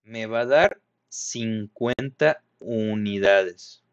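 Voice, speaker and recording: A man's voice: fairly low pitch, drawn-out words, no room sound, highs cut off. A male teacher, patiently explaining a math lesson to young pupils, often checking if they follow. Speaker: primary school teacher. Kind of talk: recorded math lesson for children.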